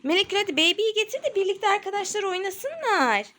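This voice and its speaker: A woman's voice: very high voice, very animated, brisk, a bit bright, a little hiss or hum. A woman, a mother, narrating doll play for children in a chatty, sing-song way and talking to the viewers. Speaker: mother hosting a kids' toy channel.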